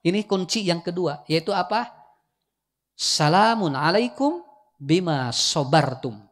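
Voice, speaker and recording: A man with a Sundanese accent preaching a humorous Islamic sermon, swinging between loud, high emphasis and quiet asides, often chuckling. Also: lively intonation, measured pace.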